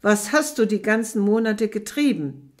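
A tall, brutal camp commander bellows insults and commands, voiced by a woman reading from a book. The shouting is loud and harsh, with the pitch pushed a little above her normal speaking voice. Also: very animated, slow pace. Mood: furious.

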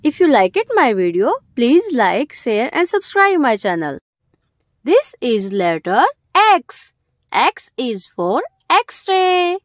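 In a dry, studio-quality recording, a woman hosting a children's educational alphabet video talks slowly in a high, very animated voice. Her phrases are short and simple, with emphasis placed on the important words.

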